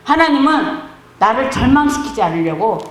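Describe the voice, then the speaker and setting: Middle-aged woman pastor, emphatic sermon with testimony, very expressive pitch, echoey church room. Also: normal speed, a little hiss or hum. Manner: emphatic, asks the congregation rhetorical questions. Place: church sanctuary.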